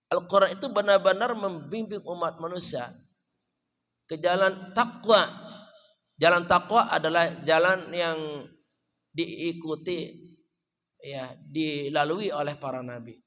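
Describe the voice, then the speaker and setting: A man with an Indonesian accent delivers a mosque sermon in a slightly raised voice. He lifts his words loudly for emphasis, then sinks into soft phrases, often putting questions to the congregation. A long hall reverb trails every line. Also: high-pitched. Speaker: preacher.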